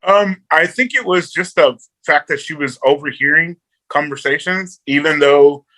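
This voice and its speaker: Bright-voiced rambling male guest. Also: on the high side, moderate pace, low-quality recording. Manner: rambling, repeats words, says "you know" often. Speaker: guest reviewer. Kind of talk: casual movie review chat.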